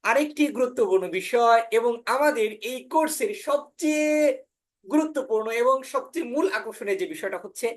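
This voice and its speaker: A woman from Bangladesh, giving an online orientation lecture as a spoken English teacher. She often pauses on "ah" fillers and says words over slowly to model how they are pronounced. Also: fairly high pitch, expressive. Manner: demonstrates pronunciations by repeating words slowly.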